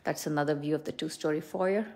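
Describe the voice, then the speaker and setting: Recorded on a handheld phone with slight hiss or hum, this middle-aged woman speaks low, quickly and fairly evenly, with a darkish tone. She's a real estate agent casually narrating an unscripted walk-through inside a house, cheerfully praising each feature.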